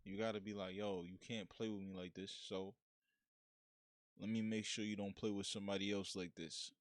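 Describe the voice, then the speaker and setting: A man hosts his own podcast in a relaxed, slangy monologue, speaking frankly and plainly. His voice sits on the low side, and the sound is dry and close with no room around it. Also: normal speed, no echo. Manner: frank, slangy, laid-back street talk. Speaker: podcast host. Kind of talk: casual solo monologue.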